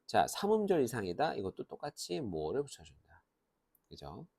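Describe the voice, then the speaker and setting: A man's voice: mid-range voice, wildly swooping pitch, normal speed, a little mellow, husky. A man teaching a grammar lesson, explaining step by step and asking and answering his own questions. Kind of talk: lecture.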